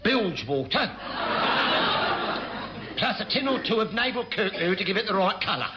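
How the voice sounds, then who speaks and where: An actor playing a wily, cheeky chief petty officer in a radio sitcom, brash and offhand. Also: male voice, sits high, big pitch swings, normal speed, highs cut off, very noisy. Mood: breezy, sly. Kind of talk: classic British radio sitcom acting.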